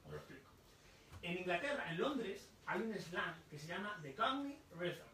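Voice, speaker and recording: A man presenting his book at a live bookshop talk, explaining slowly, repeating words and asking the audience questions. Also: high-pitched, very animated, sharp tone, a little hiss or hum. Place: bookshop event room. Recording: echoey room, voice from far off.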